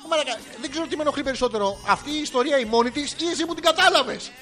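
A man's voice: extremely high pitch, sharp tone. A man co-hosting a podcast in casual banter, teasing his partner and swearing freely. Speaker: podcast co-host. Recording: music playing underneath.

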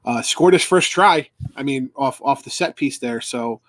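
A man hosts a casual fan-club live stream and talks in a loose, rambling way. He restarts his sentences often and fills the gaps with ums and uhs. His voice sits at an everyday middle pitch and sounds dry and close to the mic. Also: measured pace, fairly bright tone, dry recording. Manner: rambling, many fillers and restarts.

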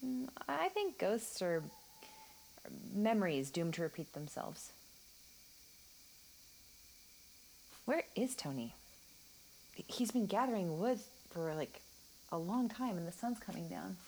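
A woman's voice: mid-range voice, very animated, unhurried, gravelly, darkish tone, slight background noise, rough recording. An actress playing a young woman on a camping trip, telling an eerie story in an earnest way. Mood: wistful. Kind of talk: film drama dialogue.

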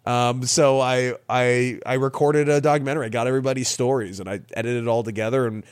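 A man's voice: medium pitch, quick pace, clear, resonant tone, dry recording, clean studio sound. A young adult man, a baseball player and guest, casually telling a funny story and acting out what others said. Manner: lively, laughing storyteller who acts out quotes.

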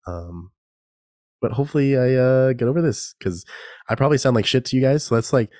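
A young man hosts a casual solo podcast on a new microphone, stuffed up and a bit nasal from a cold. He rambles, pokes fun at himself, and laughs often, in an expressive, medium-pitched, slightly fast and slightly mellow voice. The audio is studio quality with no room sound.

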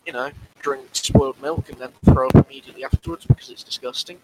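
A man chatting on a podcast, telling stories hesitantly with many restarts and pauses. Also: medium pitch, steady tone, very noisy. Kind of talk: casual podcast chat.

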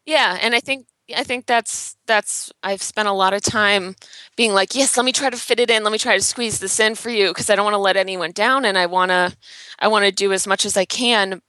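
A woman guesting on a podcast, an interior designer and blogger, talks candidly in a bright, dry, mid-range voice at a fairly quick pace. She's earnest and self-reflective, laughing lightly and using many "um"s and "like"s. There's no room sound.

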